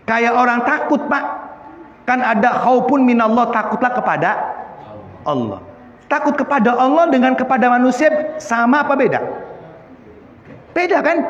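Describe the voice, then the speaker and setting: High-voiced man teaching in an echoey hall. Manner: lively, asks the audience questions often. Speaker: Islamic teacher. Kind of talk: religious study lecture. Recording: echoey hall, dull lo-fi sound.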